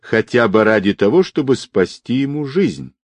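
A man voicing a commanding, sharp-tongued woman who gives curt orders. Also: mid-range voice, lively intonation, moderate pace, no room sound, pitched above the performer's own voice, natural voice. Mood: imperious. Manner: imperious, curt.

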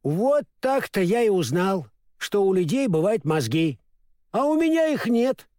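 A man's voice: high voice, sing-song, a little slow, warm tone, dry recording, clean studio sound. A man reading a storybook and voicing a naive, cheerful male scarecrow who stammers and mixes up his words. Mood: storytelling. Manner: stammers, mixes up words then corrects himself.

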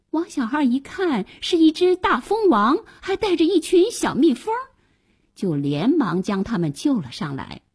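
A woman narrating a children's story slowly and expressively. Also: fairly high pitch, darkish tone, husky.

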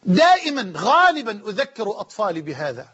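A man's voice: high-pitched, huge pitch swings, brisk, pushed and bright, breathy edge. A man preaching a sermon with an Egyptian accent, pleading fervently with his listeners. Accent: Egyptian Arabic. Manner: fervent, pleading address to the congregation. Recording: dull lo-fi sermon recording.

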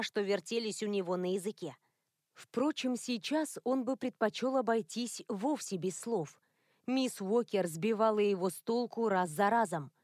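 A woman narrating a novel in a measured, expressive reading style. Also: medium pitch, dry recording, studio quality. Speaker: audiobook narrator. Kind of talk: scripted narration.

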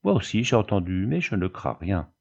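A man's voice: deep voice, very animated, a little fast, gravelly, darkish tone, husky, muffled recording, full character voice. A man reading the part of a grieving old peasant widow who pleads in fervent prayer. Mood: defiant.

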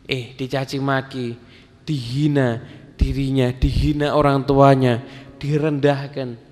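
A man preaching a sermon, telling stories in a relaxed way and acting out the dialogue. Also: mid-range voice. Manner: casual Javanese-flavoured Indonesian, acts out quoted dialogue. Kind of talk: sermon storytelling. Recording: long reverb of a hall.

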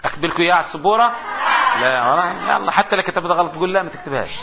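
A man's voice: a little high, very fast. A middle-aged man, giving a classroom grammar lecture, repeating terms for dictation and joking with his students. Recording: muffled lecture recording with faint hiss.

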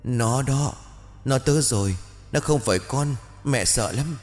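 A man's voice: mid-range voice, lively intonation, measured pace, a little mellow, faint music behind, voice pushed up. A man voicing a wailing mother's ghost. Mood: frightened. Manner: pleading, broken, repeating words.

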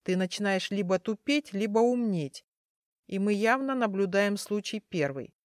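A woman voicing a tiny, grumpy male magical guardian spirit with a creaky voice and a sarcastic, condescending manner. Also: mid-range voice, lively intonation, normal speed, no room sound, clean studio sound, close to an everyday voice. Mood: scolding.

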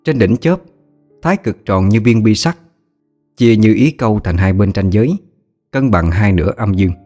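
A man tells a first-person story, lingering on vivid description. His voice sits fairly low. Faint music runs quietly behind him. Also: expressive, moderate pace. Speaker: narrator.

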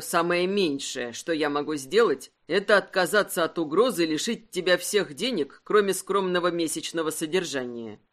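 A woman voices a confident aristocratic earl in a romance audiobook, her tone low, unhurried and wryly teasing, not far from her everyday voice. The delivery is lively yet every line stays measured and controlled.

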